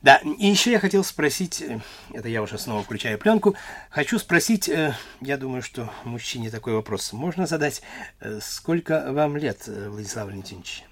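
A man conducting a formal radio interview, courteous and measured, with occasional hesitations. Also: mid-range voice, animated, fairly bright tone. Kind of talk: Soviet-era radio interview.

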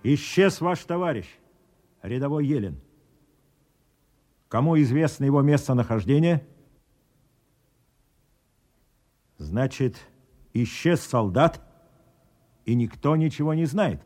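An actor playing a stern, weary army major, curt and menacing, with a husky voice. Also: male voice, mid-range voice, very animated, slow, pauses often, a little mellow. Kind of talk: military drama dialogue.

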